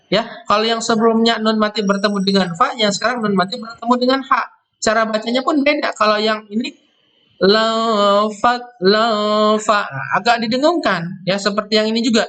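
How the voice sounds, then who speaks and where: A man teaching Quran recitation rules, explaining step by step and slowly chanting verse words before each explanation. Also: sits high, bright, forceful tone. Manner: explains step by step, often ending with "ya".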